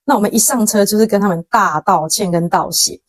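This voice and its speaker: A young woman with a Taiwanese Mandarin accent, hosting a podcast and telling a story in a casual, animated way, acting out quoted lines with slang. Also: mid-range voice, a little fast, no room sound. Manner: animated, dramatic retelling with quoted dialogue and slang. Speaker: podcast host.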